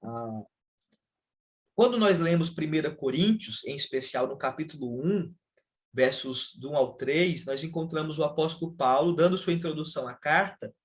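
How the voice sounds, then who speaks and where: Um pastor brasileiro explica teologia em uma conversa, de modo pausado e didático, com muitos "ah" de hesitação. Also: male voice, on the high side. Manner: measured, explanatory, with frequent "ah" fillers. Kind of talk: casual theological conversation.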